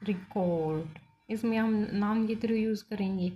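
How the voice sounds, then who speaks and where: In a muffled recording, a woman with a mid-range voice and measured pace teaches phonology for exam preparation. Speaking Indian-accented English mixed with Hindi, she explains step by step and keeps checking that her students follow along in this bilingual lecture.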